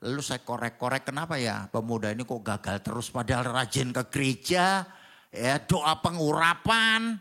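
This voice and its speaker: A man preaching a Sunday sermon in a church, swinging between loud exclamations and low chuckling asides. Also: normal speed. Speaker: pastor. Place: church hall.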